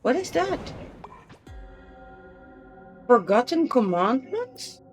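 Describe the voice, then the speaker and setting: A woman's voice: high voice, very animated, very slow, soft background music. A woman streamer chatting casually and thinking aloud while she plays a game, with the odd swear word. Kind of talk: casual live gameplay commentary.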